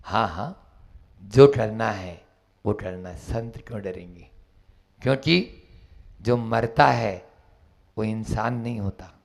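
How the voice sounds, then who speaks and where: A man doing a soft, serene old monk. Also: fairly low pitch, creaky, voice pushed down, heavily acted. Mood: calm. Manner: soft, slow and calm. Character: calm, serene male monk, unshaken.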